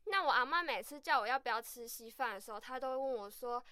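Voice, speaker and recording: A young Taiwanese woman co-hosts a radio segment with a high, bright and crisp voice. She keeps the chat cheerful and steers it with questions, recorded dry in a studio. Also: lively intonation, fast, no room sound. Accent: Taiwanese Mandarin. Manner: cheerful, asks questions to lead the talk. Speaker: radio co-host.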